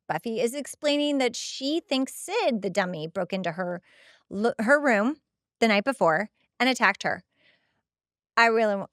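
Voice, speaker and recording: This studio-quality clip, free of room sound, features a woman with a mid-range voice hosting a podcast. She recaps a TV episode in a chatty, casual, emphatic way, expressive throughout and acting out quoted dialogue.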